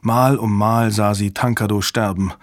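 A man narrating a thriller audiobook in a steady, measured way. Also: lowish voice, dry recording, studio quality. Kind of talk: scripted narration.

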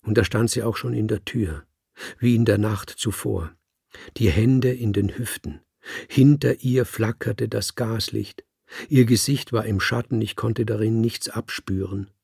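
A man narrating a literary audiobook in a measured, deliberate storytelling manner, recorded close in a studio. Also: lowish voice, steady tone, vocal fry, darkish tone, breathy edge, no echo. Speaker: audiobook reader.

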